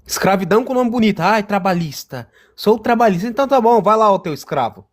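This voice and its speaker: A man's voice: sits high, expressive, fast talker. A man with a Brazilian accent co-hosting a live stream, mocking viewers in sarcastic slang. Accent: Brazilian Portuguese. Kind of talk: casual political live stream chat.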